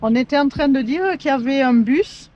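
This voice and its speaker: A woman's voice: high voice, normal speed, dull audio, a little hiss or hum. A woman vlogging a walk through a weekly village market, speaking straight to her viewers with friendly asides, recorded on an action camera. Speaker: vanlife vlogger. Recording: outdoor market crowd, busy background. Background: loud crowd.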